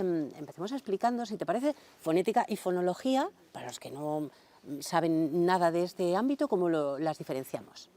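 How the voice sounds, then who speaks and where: A woman hosting a radio interview, asking questions slowly with hesitant fillers. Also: lowish voice, warm tone. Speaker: radio host. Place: radio studio.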